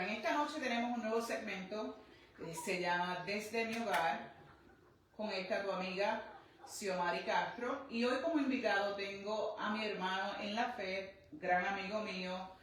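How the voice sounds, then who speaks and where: A woman's voice: medium pitch, fairly bright tone, a little hiss or hum. A woman hosting a livestream interview, speaking earnestly to an online audience. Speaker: host. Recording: very echoey room, far from mic.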